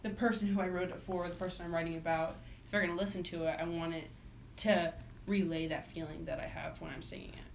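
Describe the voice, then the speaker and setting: This young female singer-songwriter has a gravelly, lowish voice, a steady tone and a fast way of talking. Her casual interview chatter is packed with fillers, "like" above all. The sound quality is dull and lo-fi, with a faint noise floor.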